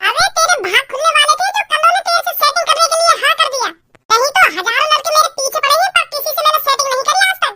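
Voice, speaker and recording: Kallu, a squeaky pushy cartoon girl. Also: lively intonation, very fast, bright, forceful tone, a little hiss or hum, exaggerated voice. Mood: furious. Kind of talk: Hindi cartoon comedy voice acting.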